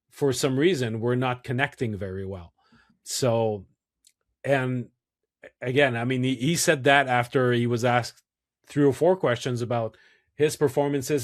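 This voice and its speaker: A man co-hosting a hockey podcast, analyzing in a thoughtful, halting casual way. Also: mid-range voice. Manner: thoughtful, restarts and hesitations.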